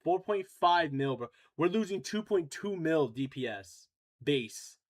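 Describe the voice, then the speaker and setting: A man's voice: fairly high pitch, animated, unhurried. Swearing, frustrated male game streamer. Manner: profane, frustrated ranting. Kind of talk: live game stream commentary.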